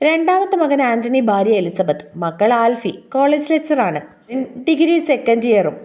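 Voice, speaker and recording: A woman's voice: a little high, very animated, moderate pace, a little mellow. A woman narrating a family love story and voicing the characters' lines along the way.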